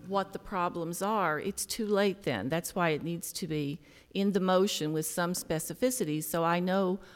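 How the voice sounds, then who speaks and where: Female prosecutor, courtroom argument, formal, deferential, slightly low voice, long reverb. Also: moderate pace. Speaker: prosecuting attorney.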